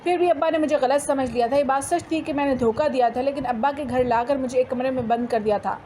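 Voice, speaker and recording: A woman narrating a first-person moral story in a steady storytelling voice, with some restarts and slips. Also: high-pitched, a little hiss or hum, rough recording.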